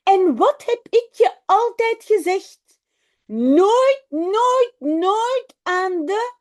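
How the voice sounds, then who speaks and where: A woman's voice: sits high, big pitch swings, slow pace, mellow, exaggerated voice. A woman reading as a scolding storybook father. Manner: scolding with repeated emphatic words. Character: stern but loving Dutch father of a small boy.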